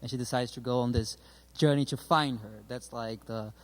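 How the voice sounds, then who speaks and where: A man's voice: mid-range voice, fairly even intonation, moderate pace. A man with a Brazilian accent and a mid-range voice explains his thinking in a loose, rambling way. He speaks casually and thinks aloud as he goes. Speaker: playwright. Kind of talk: casual interview talk.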